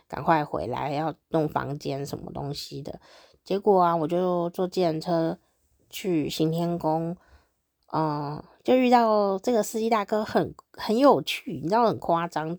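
Taiwanese lady telling stories on her show, low-ish voice, upbeat and chatty. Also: normal speed, vocal fry, a little mellow, no echo, studio quality. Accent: Taiwanese Mandarin. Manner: chatty and upbeat, easily amused. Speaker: podcast host. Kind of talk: casual storytelling monologue.

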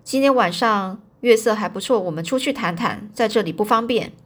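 A hot-headed gang thug, all bluster and threats, spits out his challenges, put on by a woman reading a storybook aloud. His voice sits at an ordinary middle pitch. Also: brisk, fairly bright tone, breathy edge. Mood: menacing. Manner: menacing, blustering.

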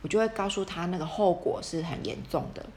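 Woman, mother, fairly low voice, casual storytelling, quoted dialogue, restarts, faint background noise. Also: brisk, a little mellow. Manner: retells scenes with quoted dialogue, frequent restarts. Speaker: mother sharing parenting experience.

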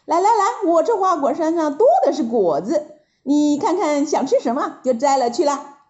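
A woman's voice: high-pitched, very animated, measured pace, a little mellow, muffled recording. A woman voicing a boastful, cheeky male Monkey King with a teasing, mocking manner, in a storybook reading.

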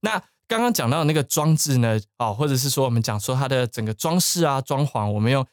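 A man's voice: mid-range voice, animated, fast talker, clear, resonant tone, dry recording, studio quality. A man co-hosting a podcast lesson, patiently explaining English words, spelling them letter by letter, with joking asides. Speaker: English teacher and podcast co-host. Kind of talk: bilingual language lesson chat.

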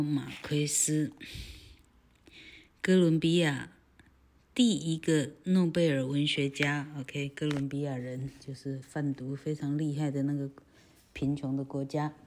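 Slow, low-voiced woman teacher. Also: steady tone, mellow. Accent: Taiwanese Mandarin. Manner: chatty, frequent filler "ha", self-correcting; spells out words letter by letter. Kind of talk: casual lesson on a picture book.

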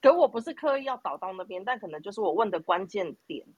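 A woman's voice: medium pitch, sing-song, fast, a little mellow, husky, dry recording, dull audio. A woman with a Taiwanese Mandarin accent telling anecdotes in casual chat, quoting bits of dialogue as she goes.

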